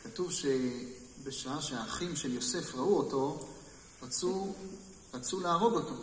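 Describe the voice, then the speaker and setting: A rabbi with a voice on the high side tells stories during a Torah lesson to a small live audience in a hall, lively and engaging, asking listeners questions as he goes. The hall echoes, the mic is far off, and faint noise can be heard.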